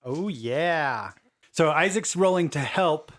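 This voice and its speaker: A man's voice: on the high side, animated, slow, fairly bright tone, slight background noise. A man narrating as game master of a tabletop role-playing game, laughing easily and slipping into character voices.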